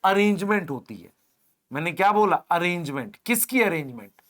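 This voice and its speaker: A man teaches biology to exam students in a fairly high voice. He keeps asking the class short questions, answers them himself, and calls the students "beta". He talks through his board drawings step by step. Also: animated, moderate pace, fairly bright tone. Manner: explains while drawing on a board, points with "idhar dekho". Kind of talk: online exam-prep lecture, Hindi mixed with English terms.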